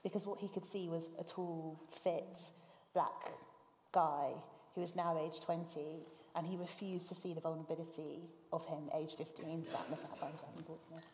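Brief: woman barrister, lowish pitch, mellow tone, lively delivery, reverberant hall. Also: a little hiss or hum. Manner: animated storytelling, quick and emphatic. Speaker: barrister panellist. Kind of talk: panel discussion. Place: lecture hall. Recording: roomy hall reverb, faint ambience.

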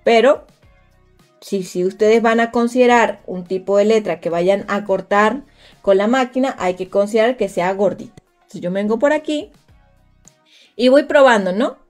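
A woman's voice: mid-range voice, normal speed, faint music behind. A woman teaching a live design class, chatting directly with her viewers and thinking aloud as she works. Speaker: crafts instructor. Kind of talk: live-streamed software tutorial.

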